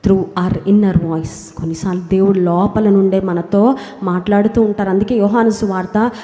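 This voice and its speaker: A woman's voice: mid-range voice, fairly even intonation, moderate pace, dark tone. A woman preaching a sermon, asking rhetorical questions, repeating key phrases for emphasis and having listeners repeat scripture after her. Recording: roomy hall with long reverb.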